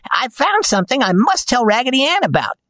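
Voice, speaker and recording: Storybook farm dog, friendly and earnest, in a high, bouncy, dry voice, a man reading it. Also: wildly swooping pitch, fairly quick, a bit bright, heavily acted.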